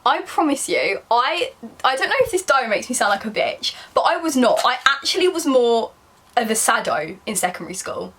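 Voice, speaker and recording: A woman's voice: fairly high pitch, sing-song, brisk, fairly bright tone. A young woman with a southern English accent reads her diary aloud casually, embarrassed and self-mocking, breaking off for chatty asides. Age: young adult. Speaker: vlogger.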